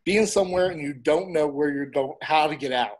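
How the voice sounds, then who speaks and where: Hesitant middle-aged man, slightly high voice. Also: brisk. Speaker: interview guest, horror host and film reviewer. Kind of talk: casual interview chat.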